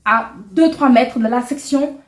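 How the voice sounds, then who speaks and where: Young woman doing a storytime vlog, kinda high voice, indignant, echoey room. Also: measured pace. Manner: chatty and indignant, mixing in English and Wolof. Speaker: vlogger.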